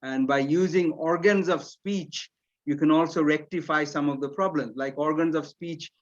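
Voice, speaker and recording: A man's voice: a little high, fairly even intonation, normal speed, dull audio. A man whose first language is Bengali explains pronunciation to teachers at an online forum, repeating words as he thinks. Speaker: presenter answering teachers' questions.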